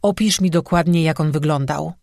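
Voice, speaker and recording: A secretive male monster hunter, calm and terse, read by a man narrating a storybook. His lines are short and commanding, delivered steadily. The sound is dry and close. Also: on the high side, normal speed, vocal fry, no echo. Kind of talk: audiobook character voice.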